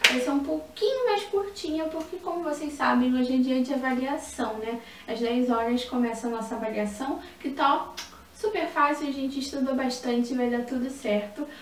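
High, sing-song teacher woman. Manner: sing-song, slow and emphatic on key words, with diminutives. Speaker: primary school teacher. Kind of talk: recorded online lesson for young children. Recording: echoey room, mic at a distance, faint ambient noise.

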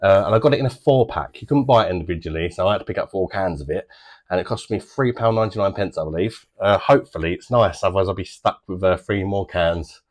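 A British man in his thirties with a deep voice reviews a beer to camera, talking fast in a chatty, easygoing way full of fillers and loose descriptions. He's recorded up close in a small home bar room.

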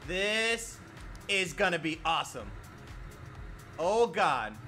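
A man streaming a flight game live, chatting excitably, swearing and laughing at himself. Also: high voice, slow, faint music behind. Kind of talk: live-streamed gameplay commentary.

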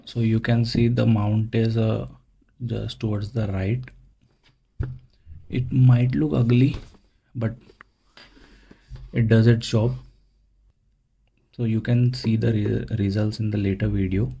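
A man giving a casual, unhurried how-to narration, explaining things plainly step by step. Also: lowish voice, little pitch movement, gravelly, dark tone, husky. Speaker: motovlogger, presenter.

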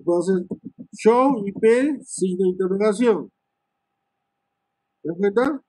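A male networking instructor talks students through switch commands, thinking aloud, tagging lines with "¿no?" and filling pauses with "este". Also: high voice, a little mellow, no echo, low-quality recording. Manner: many "este" fillers and restarts. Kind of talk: live screen-share lesson on switch commands.

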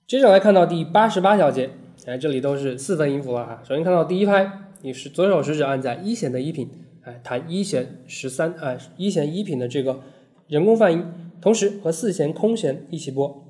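Patient male guitar teacher, fairly high voice. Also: animated, brisk, warm tone. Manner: patient step-by-step instruction with frequent "hao" and "ai" fillers. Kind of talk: fingerstyle guitar lesson. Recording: guitar playing between phrases.

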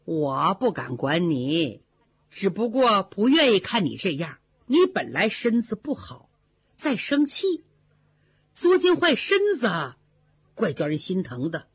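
A woman's voice: medium pitch, big pitch swings, a little slow, breathy edge, no echo, voice pushed down, exaggerated voice. A woman voicing an earnest, devoted young nobleman who coaxes and soothes, in a dull, dry recording. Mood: pleading. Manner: coaxing, soothing.

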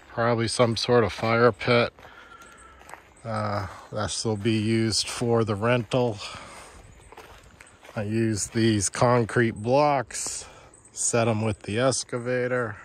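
Filming his building site outdoors on a handheld phone, this man from Vermont narrates a plain, casual walkthrough. His voice is medium in pitch, with a little noise behind it.

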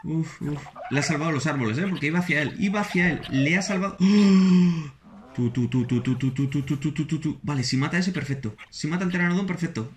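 Male let's-play host, Spain Spanish accent, slightly high voice, jumpy and repetitive under pressure. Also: fast talker, few pauses. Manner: excitable, repeats words in anxious bursts. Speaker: gaming channel host.

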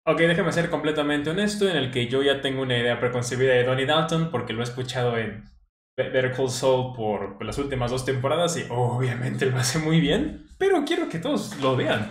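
A man's voice: mid-range voice, big pitch swings, moderate pace, echoey room, a little hiss or hum. A man hosting his own channel, giving a chatty, enthusiastic language lesson with frequent restarts. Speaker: language teacher and channel host. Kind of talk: casual educational commentary.

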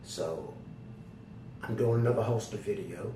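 A channel host with a slightly hoarse, lowish voice reviews a holster in a casual, chatty video, speaking at a measured pace. His folksy, colloquial manner addresses viewers directly. The mic sounds roomy and distant, with loud background noise.

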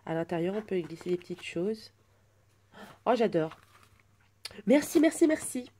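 A woman in her twenties chatting through an unboxing at home, gushing with soft exclamations. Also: medium pitch, big pitch swings, unhurried, slight background noise. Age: 20s. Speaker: vlogger unboxing a birthday gift. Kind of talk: casual unboxing chat.

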